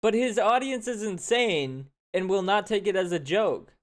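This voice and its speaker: A man's voice: high-pitched, moderate pace. A man co-hosting a reaction video, chatting casually with blunt, incredulous remarks and slang. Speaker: co-host reacting.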